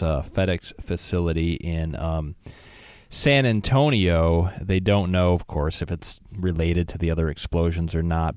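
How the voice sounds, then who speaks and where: A man with a very low voice talks through a news story with his co-host. He speaks loosely, full of ums and restarts, into a close mic with a dry sound. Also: a little mellow, no echo. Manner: conversational, many fillers and restarts. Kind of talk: casual news discussion.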